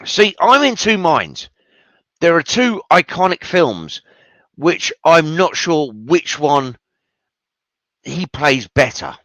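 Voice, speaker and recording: Male host, casual film talk, swears freely, animated delivery, unhurried pace, dry close sound. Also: on the high side, dry recording, lo-fi sound. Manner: enthusiastic, swears freely, rambling asides. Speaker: podcast host.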